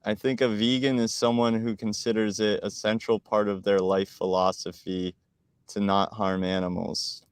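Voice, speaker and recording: A man with a low, smooth and resonant voice talks on a casual live stream. He is talkative and argumentative, and he laughs often. The sound is dry and close. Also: little pitch movement, normal speed, no room sound.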